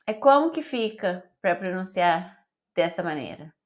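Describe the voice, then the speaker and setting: A woman teaching an online Italian pronunciation lesson, slowly spelling out letters and sounds one by one. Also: lowish voice, sing-song. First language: Portuguese.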